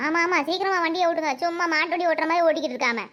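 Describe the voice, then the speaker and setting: A woman voicing a bossy, sharp-tongued village wife in a cartoon, with a Madurai Tamil accent and a shrill, pushed-up voice. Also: muffled recording. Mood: scolding. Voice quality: shrill, pitched way up. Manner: nagging, quick comebacks. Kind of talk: cartoon voice acting.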